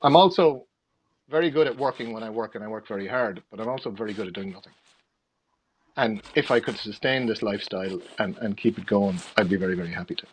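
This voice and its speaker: Low-voiced middle-aged Irish man, noisy recording. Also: fast. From Galway, Ireland. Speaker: interview guest, freelance theatre production manager. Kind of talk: conversational interview answers.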